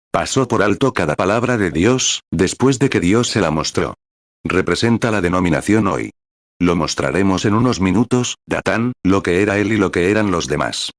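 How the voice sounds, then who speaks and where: Guy reading a sermon out loud, lowish voice, dry close sound, says the paragraph numbers. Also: no room sound. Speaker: reader of a translated sermon. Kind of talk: sermon read aloud.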